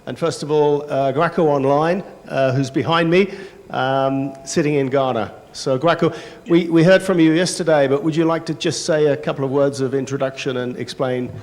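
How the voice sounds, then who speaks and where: A man moderating a conference panel, talking in a relaxed, conversational way with frequent pauses. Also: a little high. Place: large indoor conference hall. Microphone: handheld microphone. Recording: reverberant conference hall PA.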